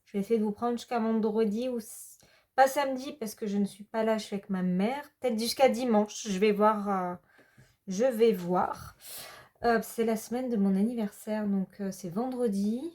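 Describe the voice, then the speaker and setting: A woman, talking in a rambling, hesitant way in a casual chat vlog, with many pauses. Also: mid-range voice, mellow. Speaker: hobby vlogger.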